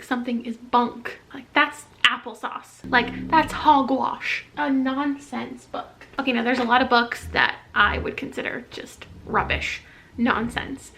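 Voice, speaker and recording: A woman book vlogger chatting casually about words and books, wry and quick to laugh at herself. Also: fairly high pitch, bright, forceful tone, a little hiss or hum. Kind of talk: casual vlog chat.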